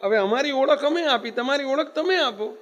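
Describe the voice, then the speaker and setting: A man's voice: extremely high pitch, lively intonation, moderate pace, fairly bright tone, muffled recording, pitched above the performer's own voice. A man voicing a humble wandering monk who politely coaxes a visitor to sit and listen. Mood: coaxing. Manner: meek, coaxing, polite. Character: humble, gentle group of wandering male monks. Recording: long hall reverb.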